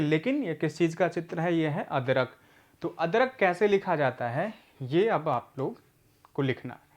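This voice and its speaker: Teaching adult literacy, a man with a slightly high voice walks through each step slowly and patiently, checking in after every point.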